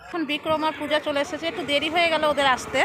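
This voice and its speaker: High-voiced woman vlogging amid loud crowd. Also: little pitch movement, fast talker. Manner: calls out to people around her while narrating. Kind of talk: casual on-the-spot vlog narration. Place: outdoors in a busy temple courtyard. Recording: noisy outdoor crowd with traffic. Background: loud crowd chatter, street and vehicle noise.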